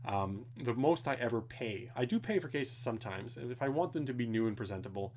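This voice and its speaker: A young man with a mid-range, slightly mellow voice rambles casually through technical questions from viewers at home, talking a little fast with lively intonation and the odd swear word. He's a streamer doing a relaxed live Q&A indoors, and there's a faint hiss or hum in the recording.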